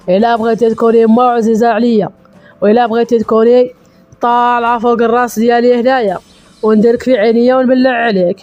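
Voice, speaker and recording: A man playing a defiant grown son who firmly lectures his nagging mother in a comedy sketch. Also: very high-pitched. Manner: firm, lecturing, defensive.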